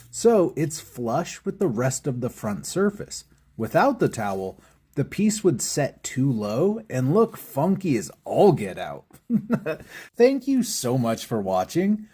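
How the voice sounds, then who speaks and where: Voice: medium pitch, mellow, slightly rough. A stained glass artist hosting a craft tutorial in voice-over, playful and jokey, with puns and frequent chuckles.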